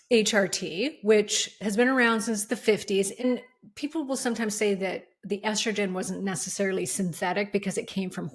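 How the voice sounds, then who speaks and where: A middle-aged woman speaking as a guest expert on a podcast. She explains things in an emphatic, confident way and keeps tossing in rhetorical questions. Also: medium pitch. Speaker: guest hormone and weight loss expert. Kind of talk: podcast interview.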